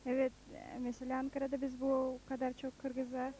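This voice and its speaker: A young woman from Kyrgyzstan with a Kyrgyz accent, a student answering interview questions in broken, halting learner's Turkish. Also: sits high, completely flat delivery, mellow. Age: young adult. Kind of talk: informal on-camera interview.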